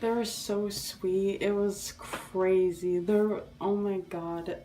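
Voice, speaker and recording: A young woman telling a story in a casual vlog, excitable and rambling, with many restarts and fillers. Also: medium pitch, takes it slowly, distant mic, soft background music, poor audio. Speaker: vlogger.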